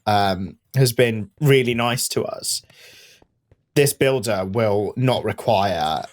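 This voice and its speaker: A man co-hosting a modded survival game session, easygoing and quick to agree and joke. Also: fairly low pitch. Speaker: co-host. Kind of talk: casual gaming chat.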